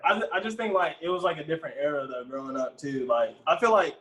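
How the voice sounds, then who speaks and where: Young guy guesting on a podcast, slightly high voice, rambles loose and easy. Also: quick pace, rough recording. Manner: relaxed, rambling, lots of filler. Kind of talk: casual chat.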